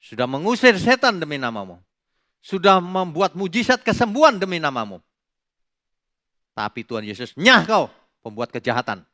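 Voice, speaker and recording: A middle-aged Indonesian pastor preaching with a bright, forceful voice that rises and falls sharply. He scolds and teases with rhetorical questions, jumping from quiet asides to loud emphatic peaks. His delivery stays emphatic and mocking. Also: a little high, sing-song, normal speed, pauses often. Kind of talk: sermon.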